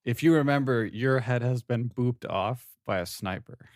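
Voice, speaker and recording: A man's voice: medium pitch, moderate pace, a little mellow, no echo, clean studio sound. A man co-hosting a comedy podcast in casual chat, playful and teasing, laughing often. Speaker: podcast co-host.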